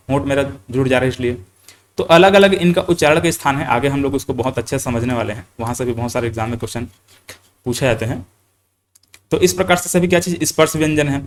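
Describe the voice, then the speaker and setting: There's slight background noise as a medium-pitched young man runs an exam-prep grammar class. Asking questions only to answer them himself, he drives key points home through repetition and keeps saying "thik hai".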